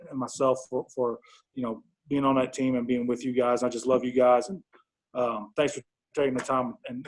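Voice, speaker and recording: A man thanks his former teammates over a video call in a mid-pitched voice. He sounds hesitant and grateful, and pads his words with fillers. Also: rough recording. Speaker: former player on a team reunion call. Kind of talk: casual heartfelt thanks.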